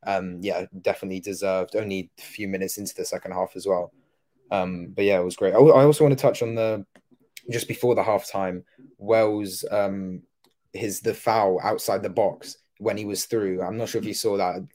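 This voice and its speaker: A man with a low, flat voice co-hosts a football podcast and chats through a match review. He rambles and fills his talk with many "um"s and "yeah"s. His tone stays level with little rise and fall. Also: moderate pace. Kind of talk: casual match review chat.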